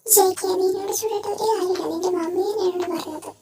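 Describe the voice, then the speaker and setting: A woman's voice: very high-pitched, steady tone, quick pace, a loud crowd. A woman voicing a clingy, pushy young fiancée in an amateur audio drama, teasing and insistent. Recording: loud background music.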